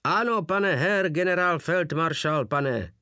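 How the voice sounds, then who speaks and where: A man voicing a frightened soldier who rattles off hurried, stiffly formal replies, in an audiobook reading. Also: a little high, expressive, fairly bright tone, no echo, studio quality, voice pushed up. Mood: nervous. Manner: hurried, nervous military replies.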